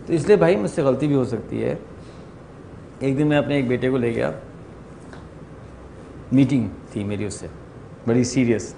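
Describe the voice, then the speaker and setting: A middle-aged man from Pakistan leading a workshop, telling stories in an animated way and slipping into English phrases. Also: medium pitch, gravelly, long pauses, a little hiss or hum. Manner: animated storyteller, acts out quoted exchanges, mixes in English. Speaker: workshop trainer. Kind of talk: lively lecture to a class. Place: training room with a group.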